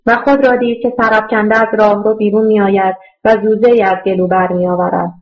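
A woman's voice: mid-range voice, little pitch movement. Woman narrating an audiobook, dull audio. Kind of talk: scripted narration.

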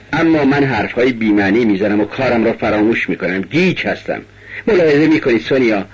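A man voicing a feverish, guilt-ridden young man in a radio play, with a husky voice. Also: mid-range voice, muffled recording. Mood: agitated. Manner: agitated, bitter outbursts.

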